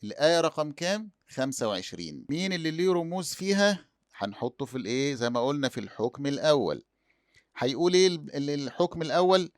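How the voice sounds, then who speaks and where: A man's voice: fairly high pitch, no room sound, clean studio sound. A man with an Egyptian accent teaching a lesson, asking and answering his own questions. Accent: Egyptian Arabic. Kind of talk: explanatory lesson.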